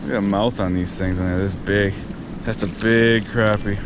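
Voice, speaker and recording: Guy fishing off a log and talking to the camera, a bit low voice, river noise all over the mic. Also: moderate pace. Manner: excited, chatty, talks to viewers as guys. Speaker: fishing video host. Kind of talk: casual on-the-spot fishing commentary. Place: outdoors on a riverbank and fallen tree. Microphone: head or chest-mounted action camera.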